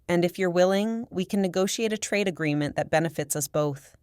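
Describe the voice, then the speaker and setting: A woman's voice: on the low side, a little fast, a little mellow, clean tone, no echo, studio quality, close to an everyday voice. A woman voicing a regal mermaid queen who speaks formally and with composure, in an audiobook. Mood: diplomatic. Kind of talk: audiobook character voice.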